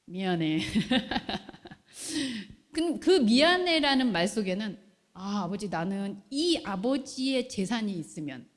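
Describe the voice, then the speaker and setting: A woman pastor preaching a sermon in a lively way, often putting questions to the congregation. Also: on the high side, slow pace. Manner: animated, asks the congregation questions. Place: church hall. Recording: long hall reverb.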